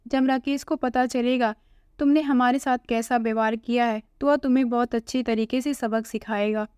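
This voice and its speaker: A woman voicing a patient, hurt older mother-in-law who speaks in a gentle, pleading way. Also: on the high side, steady tone, moderate pace, clear, resonant tone, no room sound, clean studio sound, lightly acted. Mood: indignant.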